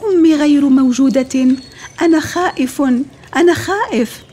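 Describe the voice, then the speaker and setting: A woman's voice: on the high side, normal speed, darkish tone, breathy edge. A woman doing a tiny scared baby bird. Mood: frightened. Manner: fearful, crying out. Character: tiny frightened baby bird, youngest chick.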